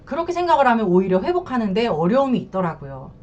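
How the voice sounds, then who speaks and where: A woman counselor talks frankly and colloquially, her pitch bouncing up and down with lively expression. She slips into quoted voices as she explains. The recording sounds dull and lo-fi. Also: fast. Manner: blunt and colloquial, acts out quoted lines. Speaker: marriage and infidelity counselor. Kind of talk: advice talk to camera.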